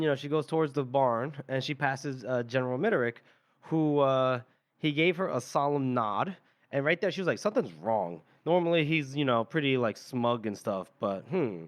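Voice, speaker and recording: Guy on a podcast rambling through a book recap, mid-pitched, chuckles a lot. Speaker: podcast co-host. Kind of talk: casual book discussion.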